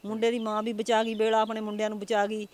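Fast-talking plaintive middle-aged woman. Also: mid-range voice, monotone, darkish tone. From Punjab, India. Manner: plaintive, repeats her complaints. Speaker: grieving mother. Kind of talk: emotional interview answers.

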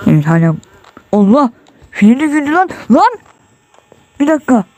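An extremely high, sing-song voice, fairly quick and a little mellow, with no echo, belongs to a nervous gamer playing a horror game. Sweating and tense, he jumps at scares with yelps while muttering prayers and exclamations.

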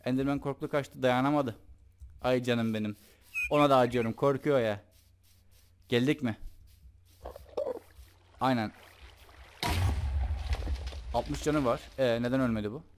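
A man's voice: mid-range voice, fairly even intonation, unhurried, long pauses, slight background noise. A young man giving casual, joking commentary over his own gameplay and talking to the creatures in the game. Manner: chatty, joking, talks to the game's mobs. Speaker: gaming YouTuber.

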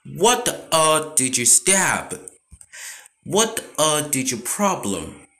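A woman playing a game and reacting aloud in a bossy way, telling the game to be quiet and gasping at surprises, over loud background noise. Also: sits low, sing-song, slow pace.

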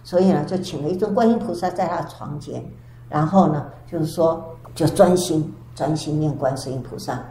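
An older woman, a Buddhist nun, giving a storytelling dharma lecture with drawn-out sentence particles. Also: sits low, warm tone. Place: temple lecture hall. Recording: echoey hall with faint background hiss.

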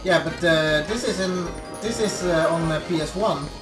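A man's voice: on the high side, normal speed. Young man, casual hesitant game commentary, roomy sound, off-mic, game music behind. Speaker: let's play host. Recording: echoey, distant mic, game audio. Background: video game music.

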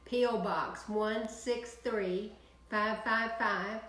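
Preaching online from a home office, an older Texan-accented woman minister delivers a prayer broadcast sermon very slowly in a medium-pitched voice. She's animated, making sweeping hand gestures, though the recording is low quality and the room echoes.

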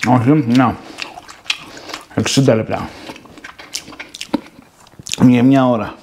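A man's voice: mid-range voice, slight background noise. A man chatting casually in a mukbang video, rating his meal while chewing with his mouth full. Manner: relaxed, rambling, rates the food. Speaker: mukbang vlogger. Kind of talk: casual chat while eating. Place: home, at a table.

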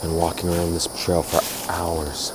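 A young man playing a frightened guy stranded in dark woods in a found-footage horror film, talking to camera in a panicked, breathless, hushed way. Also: sits low, little pitch movement, moderate pace, natural voice. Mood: scared, hushed. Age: young adult. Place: outdoors in woods at night. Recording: noisy outdoor camera sound.

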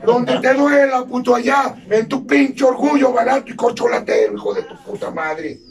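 A Mexican man with a Mexican Spanish accent giving crude, profanity-laden testimony at a support meeting, bursting into shouts. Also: very high voice, lively intonation, normal speed. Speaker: recovery group speaker. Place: meeting hall. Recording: distant mic in a noisy crowded room.

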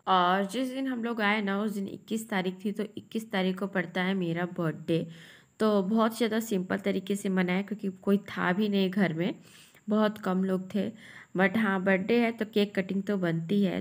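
A young woman narrating her family vlog in a chatty, homely way, talking straight to her viewers. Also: medium pitch. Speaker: family vlogger.

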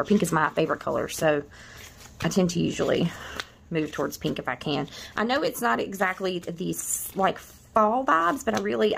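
A woman's voice: low-pitched, creaky, a little hiss or hum. A middle-aged woman chatting casually while showing off planner kits, rambling with many restarts and a tender, wistful tone. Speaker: planner vlogger.

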